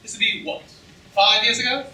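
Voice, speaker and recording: Man playing Dread Pirate Roberts, sharp and high-pitched. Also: normal speed, heavily acted. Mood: taunting. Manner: sardonic, theatrical. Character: mocking, menacing, masked male pirate captain. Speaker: actor in a student staged reading. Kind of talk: staged reading, stage acting. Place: lecture hall stage, indoors. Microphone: far camera in audience. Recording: echoey hall, distant audience-camera mic, noisy.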